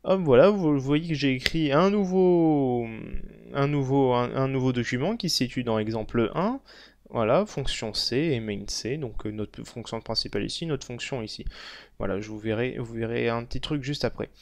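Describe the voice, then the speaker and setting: Halting young man explaining code. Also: medium pitch, no room sound. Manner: halting, many fillers and self-corrections. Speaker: programming tutor. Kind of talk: screen-recorded coding tutorial.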